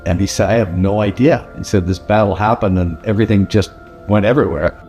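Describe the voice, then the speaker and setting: A man calmly retelling a veteran's story as a documentary narrator. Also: fairly low pitch, fast, faint music behind.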